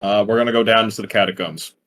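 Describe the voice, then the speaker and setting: A man voicing his adventurer in a tabletop game, speaking calmly and in a businesslike way. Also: fairly low pitch, very fast, lightly acted. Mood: firm. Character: commanding adventurer, in character.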